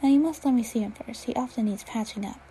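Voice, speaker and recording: A woman's voice: on the high side, quick pace, warm tone, a little hiss or hum, natural voice, poor audio. A woman reading as a clipped, nasal, stern matron. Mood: cold. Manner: cold, curt. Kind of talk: fan fiction read-aloud.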